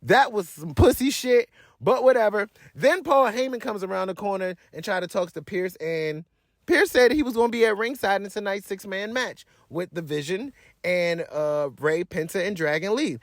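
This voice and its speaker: Exasperated, swearing man with a lively high voice. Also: moderate pace, dry recording, studio quality. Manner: exasperated, blunt, swears freely; slangy, rambling asides. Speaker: wrestling show reviewer. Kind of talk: casual profane rant.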